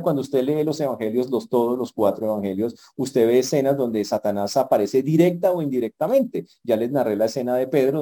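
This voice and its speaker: A man preaching a sermon in a direct, humorous way, swinging from quiet asides to loud emphasis. His voice is very dark and mellow, with a husky grain. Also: mid-range voice, poor audio.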